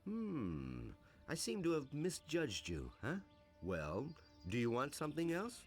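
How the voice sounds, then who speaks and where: A shrewd haggling trader. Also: male voice, a little high, wildly swooping pitch, unhurried, faint music behind, heavily acted. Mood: sly. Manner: wheeling-dealing. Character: shrewd male merchant haggling. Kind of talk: video game voice acting.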